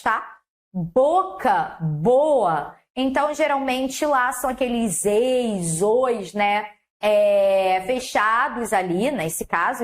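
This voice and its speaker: Woman, high-pitched, explains a lesson step by step with questions to the viewer, collar mic. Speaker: teacher. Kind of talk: online lesson on verse. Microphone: clip-on mic on her collar.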